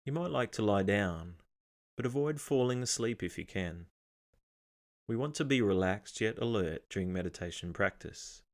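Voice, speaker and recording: In a fairly low voice, a man leads a guided meditation with calm, measured delivery. He offers gentle instructions step by step, pausing between phrases.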